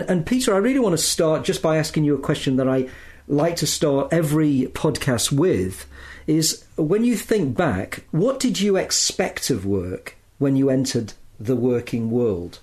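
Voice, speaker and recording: A man's voice: fairly high pitch, a little mellow, slightly rough. Musing male podcast host. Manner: musing, stammers on starts. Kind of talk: podcast interview.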